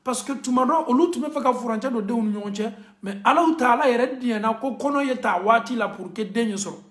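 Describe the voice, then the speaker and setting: A man's voice: high-pitched, roomy sound. A male imam giving an emphatic sermon that switches between French and Bambara.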